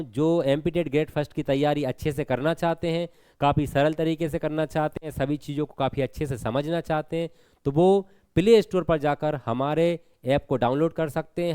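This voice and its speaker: Male teacher with a Hindi accent, higher-pitched voice and smooth tone, takes students through exam prep patiently. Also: warm tone, no echo. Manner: explanatory, repeats points, asks students questions.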